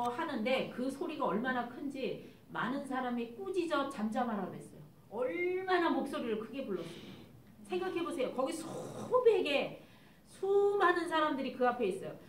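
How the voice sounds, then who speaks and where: A woman's voice: high voice, slight background noise. A woman missionary preaching a sermon, emphatic and full of rhetorical questions to the congregation, recorded in an echoey church from a distance. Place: church sanctuary.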